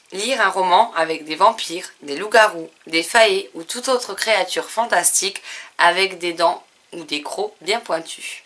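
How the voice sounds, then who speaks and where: A woman book vlogger chatting through a reading challenge list, pausing with fillers and correcting herself as she goes. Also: medium pitch, bright, forceful tone. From France. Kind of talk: casual book challenge presentation.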